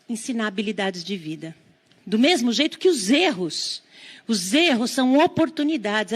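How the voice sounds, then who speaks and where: A middle-aged Brazilian woman giving a live lecture on parenting, lively and drawing the audience in with questions. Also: medium pitch. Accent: Brazilian Portuguese. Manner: lively, engages the audience with questions and quick asides.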